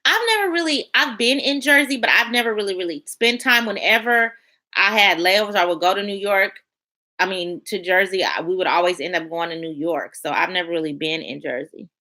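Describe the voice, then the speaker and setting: A woman's voice: mid-range voice, brisk, sharp tone. A woman hosting a casual livestream, chatting with viewers by name and reading their comments aloud in a loose, colloquial way. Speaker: livestream host reading chat. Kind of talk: casual live-stream chat.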